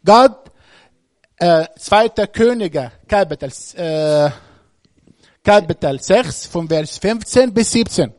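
A man's voice: sits high, lively intonation, slow, darkish tone, no echo, clean studio sound. A man preaching a sermon, speaking emphatically and putting questions straight to the congregation.

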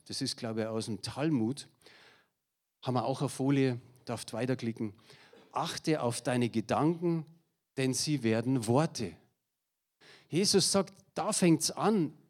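A middle-aged man preaching a sermon to a congregation, speaking directly to his listeners and mixing in personal anecdotes with self-deprecating humor. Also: medium pitch. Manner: lively, addresses the congregation directly, with a slide presentation.

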